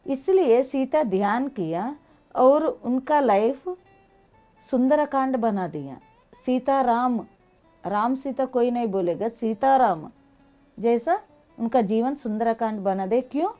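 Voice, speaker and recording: A woman guest telling personal stories, speaking animated, non-fluent Hindi mixed with English. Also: a little high, slow, soft background music. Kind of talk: personal storytelling in an interview.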